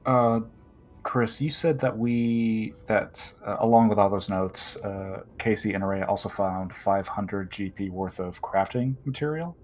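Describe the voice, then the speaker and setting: Low-pitched man in casual table talk. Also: a little slow, a little mellow. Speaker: tabletop game player. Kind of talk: casual chat.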